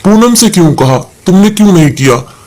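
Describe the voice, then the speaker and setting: A man's voice: sits high, expressive, normal speed. Storybook husband, young, harsh and domineering, scolding, read by a man. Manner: shouting, scolding.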